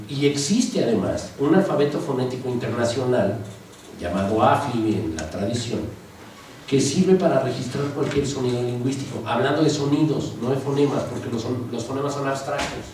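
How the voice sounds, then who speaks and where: A Mexican man lecturing a class, loose and talkative, tossing in asides and quick "right?" checks. He stands well back from the mic in a very echoey classroom, with a faint hiss under him. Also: mid-range voice, recorded from a distance. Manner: chatty teaching with asides and rhetorical checks. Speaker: linguistics lecturer. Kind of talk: university lecture. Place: university classroom.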